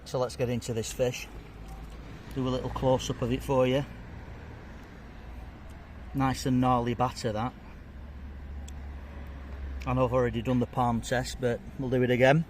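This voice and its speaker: A man's voice: mid-range voice, level tone, normal speed, long pauses, slight background noise. Chatty man reviewing food outdoors. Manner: chatty, jokey, talks while eating. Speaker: food vlogger. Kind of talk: casual food review to camera.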